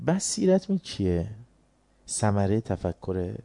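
Tehran accent guy giving a sermon, lowish voice, goes quiet then really loud on the big points. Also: very animated, no room sound. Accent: Tehran Persian. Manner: swings from hushed storytelling to loud emphatic preaching. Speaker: preacher.

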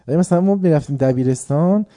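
A middle-aged man from Tehran giving a sermon to a live audience. He keeps asking the audience questions and moves between quiet musing and sudden loud bursts. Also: on the high side. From Tehran, Iran. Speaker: religious lecturer.

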